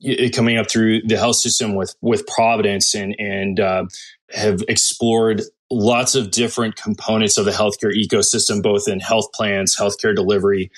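Low-voiced man, halting and measured. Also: flat delivery. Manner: measured, halting with frequent "uh" restarts. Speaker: guest, healthcare executive. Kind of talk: conversational interview answers.

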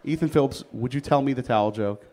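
A man's voice: mid-range voice, fast, crowd noise. Guy hosting a stage chat on a cruise, playful, rambly setup. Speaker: host. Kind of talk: interviewing on stage. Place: theater on a cruise ship.

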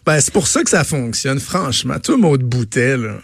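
A man's voice: medium pitch, very animated, moderate pace, vocal fry, breathy edge, no room sound. A man with a Quebec French accent, co-hosting a radio show and bantering casually, joking and telling stories. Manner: joking storyteller, bursts into put-on voices. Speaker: radio co-host.

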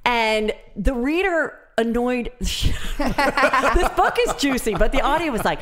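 A woman guest on a casual podcast, telling lively stories and mimicking other voices as she goes. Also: fairly high pitch, unhurried. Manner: animated storyteller, mimics voices.

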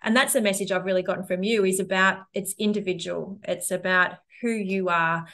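A woman co-hosts a podcast at a medium pitch. She speaks in an effusive, reflective way as she chats with her guest. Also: steady tone, fairly quick, a bit bright. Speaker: podcast co-host. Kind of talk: casual podcast interview.

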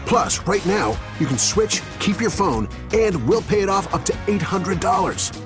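A man reading a scripted phone-network ad in an upbeat, lively way. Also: high-pitched, slow. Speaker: ad announcer. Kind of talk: scripted ad read. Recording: ad with music bed.

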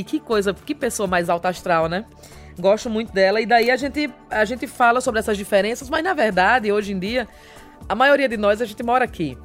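A woman from Brazil, a comedian chatting as a podcast guest and telling funny stories while acting out the dialogue. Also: mid-range voice. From Alagoas, northeastern Brazil. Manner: animated storyteller who acts out dialogue. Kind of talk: casual chat, comic storytelling.

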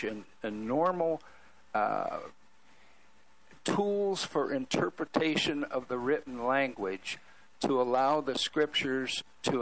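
A man speaking as a talk show guest, earnestly expounding his beliefs in a deliberate way with pauses mid-sentence. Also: medium pitch, a bit bright, low-quality recording. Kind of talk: earnest religious exposition.

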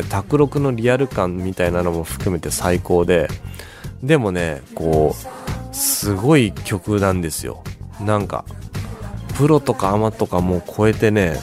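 Chatty low-voiced man hosting music radio. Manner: chatty, enthusiastic, many fillers and pauses. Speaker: radio show host introducing songs. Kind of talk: casual music radio talk.

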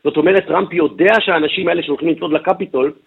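A man's voice: a little high, fairly even intonation, gravelly, phone-quality sound. A man working as a news correspondent, giving a detailed radio news briefing and walking through events step by step with filler sounds.

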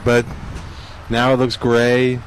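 A man's voice: medium pitch, completely flat delivery, takes it slowly, a little hiss or hum, poor audio. An American man, a gardening radio host, talking casually through sponsor messages. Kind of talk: casual ad-libbed sponsor talk.

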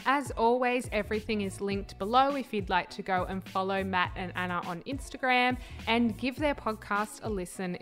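The voice is a woman with a medium pitch, hosting a podcast. She speaks in an echoey room that has not been soundproofed. Faint music sits behind her introduction. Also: a bit bright. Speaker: podcast host. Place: home office, not soundproofed. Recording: echoey unsoundproofed office room.

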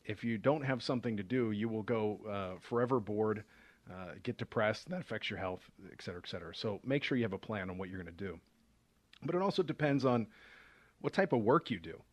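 Low-voiced man explaining finance on radio. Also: lively intonation, fairly quick, no echo. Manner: conversational, with frequent fillers and restarts. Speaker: financial advisor and radio show host. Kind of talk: casual explanatory radio talk.

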